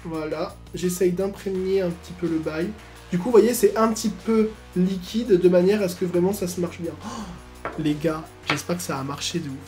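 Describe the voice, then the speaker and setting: Excitable slangy man chatting through makeup. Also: sits high, fairly quick, faint music behind. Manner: excitable, slangy, bursts into exclamations. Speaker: beauty YouTuber. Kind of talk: casual makeup tutorial chat.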